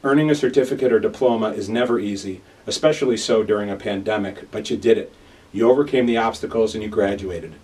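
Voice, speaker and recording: Low-voiced jokey man, distant mic. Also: fast talker, darkish tone. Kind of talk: recorded congratulatory message.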